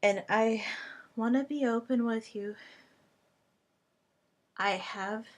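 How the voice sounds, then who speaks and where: In an unhurried vlog monologue, a native Hungarian language tutor talks in brief, halting phrases. Her voice sits on the high side.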